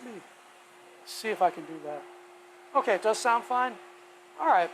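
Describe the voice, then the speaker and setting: Speaking at normal speed in a mid-range voice, a hobbyist woodworker casually chats on a live stream, thinking aloud in a rambling, folksy way as he works. He's in his home woodworking workshop, where a shop vacuum keeps up a steady noise behind him.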